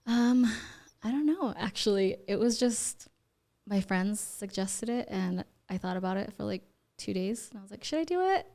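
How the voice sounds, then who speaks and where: A woman's voice: medium pitch, expressive, normal speed, creaky, warm tone. A young woman from Ecuador, raised in the US, a podcast guest giving short, shy answers with giggles in a studio chat. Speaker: guest, new real estate agent. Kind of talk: casual interview chat.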